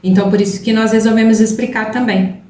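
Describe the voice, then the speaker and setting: Softly explaining woman in a roomy space. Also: a little high, fairly even intonation, quick pace. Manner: gentle explaining, many "né?" tags. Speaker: spiritual channel co-host. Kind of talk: casual spiritual talk. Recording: roomy with faint background hiss.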